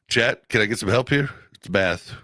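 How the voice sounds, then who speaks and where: Lower-voiced man with a slight lisp. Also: measured pace, pushed and bright, no echo. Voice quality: slight lisp from a dental retainer. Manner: laid-back, laughs often, rambling. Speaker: podcast co-host. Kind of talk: casual sports chat.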